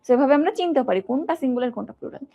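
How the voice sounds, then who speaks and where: A woman's voice: sits high, expressive, racing, gravelly, mellow. A young woman teaching an exam-prep grammar lesson, asking the students questions and repeating words in drills.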